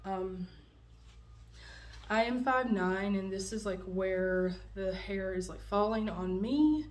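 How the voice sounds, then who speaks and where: Her mid-range voice has a darkish tone and a slight nasal quality from a cold. This young woman records a casual wig-review vlog on a camera in front of her, chatting with many fillers in a dim room at home.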